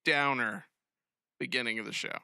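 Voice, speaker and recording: A man with an American accent co-hosting a podcast in casual comedic chat, animated, joking and freely swearing. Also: mid-range voice, moderate pace, vocal fry, smooth, dry recording, clean studio sound. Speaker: podcast co-host.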